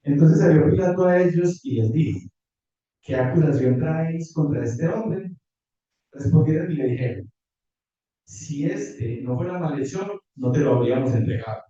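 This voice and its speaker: A man preaching a sermon and reading scripture in a measured, careful way, recorded from afar in a church hall. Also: on the high side, lively intonation, warm tone. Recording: distant, echoey, muffled church audio.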